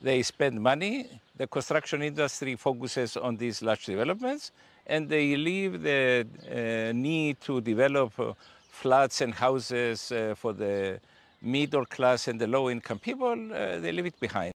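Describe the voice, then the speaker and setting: A man's voice: medium pitch, lively intonation, measured pace, gravelly. A man answers an interview question hesitantly, with many fillers.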